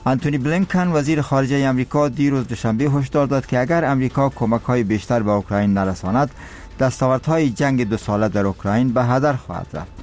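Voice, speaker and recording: A man's voice: mid-range voice, over music. A man with an Afghan accent reads a scripted news bulletin in a solemn, formal manner. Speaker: radio newsreader. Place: radio studio.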